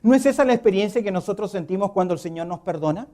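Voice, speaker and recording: Emphatic preacher with sweeping pitch drops. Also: expressive, quick pace. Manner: emphatic, asks rhetorical questions to the congregation; swings between loud lifts and low quiet drops. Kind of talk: sermon.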